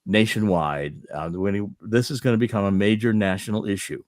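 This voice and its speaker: A man appearing as a guest on a talk show, speaking in an earnest, insistent way with halting phrases. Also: lowish voice, a little mellow, dry recording, clean studio sound.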